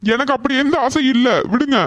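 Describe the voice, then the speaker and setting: A woman doing a gentle, patient cartoon son. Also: sits high, a little fast, no echo, pitched below the performer's own voice, natural voice. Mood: gentle reasoning. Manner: soothing, patient, persuasive. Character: calm young man, gentle reasoning son. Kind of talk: cartoon voice acting.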